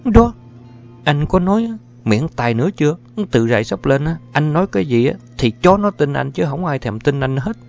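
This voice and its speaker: A man putting on a shrill, furious young mother. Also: expressive, gravelly, a little mellow, soft background music. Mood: accusing. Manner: shrill scolding, rapid accusations. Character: angry distraught young mother, sharp-tongued. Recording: dull lo-fi recording.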